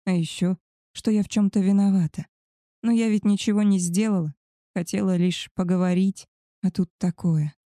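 A woman narrating a first-person story aloud in a calm, even reading style. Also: medium pitch, moderate pace, dry recording, studio quality. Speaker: audiobook narrator.

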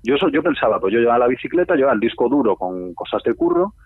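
A man's voice: mid-range voice, very animated, fast, slightly rough, no room sound. A man with a Spanish accent from Spain telling a casual, slangy anecdote on a radio show, acting out his own past remarks. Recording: tinny phone-like sound, dry.

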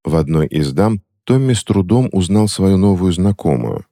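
A man narrating a story for an audiobook in an expressive storytelling manner. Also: deep voice, normal speed, dry recording, clean studio sound.

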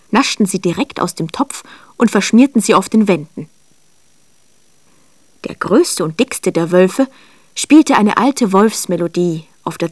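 A woman giving a scripted, expressive storybook narration in a measured way, recorded in a studio. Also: mid-range voice, no echo.

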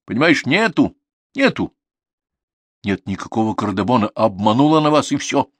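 A man's voice: medium pitch, big pitch swings, moderate pace, no echo, pitched above the performer's own voice. A man voicing a lecturing, insistent schoolboy grandson in an audiobook. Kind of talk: audiobook character reading.

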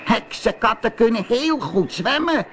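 A man voicing a wicked female sea witch in a shrill, screeching, threatening voice. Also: sing-song, measured pace, a bit bright, slight background noise, full character voice. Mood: commanding.

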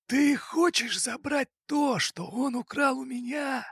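A man voicing a fat, older male crime boss who bullies and shouts. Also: extremely high pitch, slow, gravelly, husky, no echo, clean studio sound, voice pushed up, heavily acted. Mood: scornful. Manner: mocking, barking.

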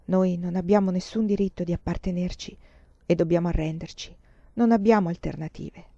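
A woman voicing a calm, resigned young widow. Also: fairly low pitch, a little fast, no echo, highs cut off. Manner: quiet, subdued and composed.

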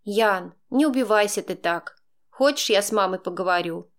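A woman voicing a gentle young woman who softly comforts her friend in an audiobook. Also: medium pitch, moderate pace, natural voice.

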